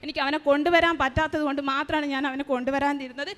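A middle-aged woman giving a personal testimony as a mother at a shrine service, retelling events earnestly and haltingly, often restarting her words. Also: high-pitched, steady tone, fairly bright tone. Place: large church hall. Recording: long hall reverb.

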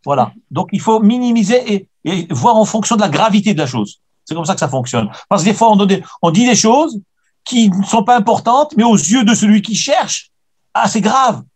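A man's voice: high voice, expressive, a little fast, a little mellow, husky. A man teaching a Torah lesson as a rabbi, answering questions emphatically and repeating key phrases for weight.

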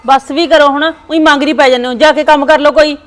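A woman's voice: high voice, fairly even intonation, quick pace, natural voice. A woman playing a sulky daughter-in-law who complains about her husband and his mother. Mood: complaining. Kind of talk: village comedy drama.

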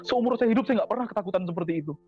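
High-voiced man giving earnest testimony. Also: animated, rapid-fire. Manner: repetitive, earnest, heartfelt phrasing. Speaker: convert giving a church testimony. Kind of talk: personal testimony to a congregation. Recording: dull lo-fi recording with faint music.

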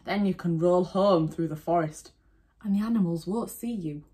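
A woman's voice: lowish voice, normal speed, dark tone, natural voice. A woman voicing a caring, clever young granddaughter in a children's story. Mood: reassuring.

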